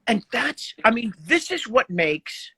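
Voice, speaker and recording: Animated, high-voiced man telling stories. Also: measured pace, slightly rough, no room sound. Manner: animated, laughing storyteller. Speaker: guest musician. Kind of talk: casual storytelling chat. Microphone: live video chat.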